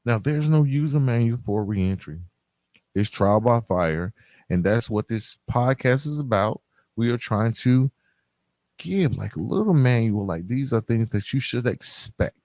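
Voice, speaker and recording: Speaking directly to his audience, a middle-aged man hosts a podcast in a reflective, emphatic monologue punctuated by regular check-ins. The recording is dry, and his medium-pitched voice has a darkish tone.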